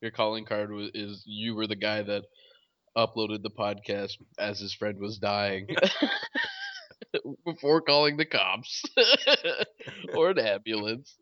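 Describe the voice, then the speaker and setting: A man's voice: on the low side, wildly swooping pitch, takes it slowly, no echo, lo-fi sound. A young man co-hosting a casual podcast, joking in a laid-back way. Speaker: podcast co-host.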